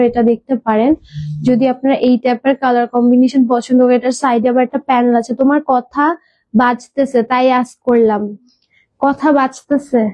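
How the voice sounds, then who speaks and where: A woman's voice: high voice, no echo, highs cut off. A woman hosting a live clothing sales stream, chatty, mixing in English words and hesitating with fillers and repeats. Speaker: online clothing seller.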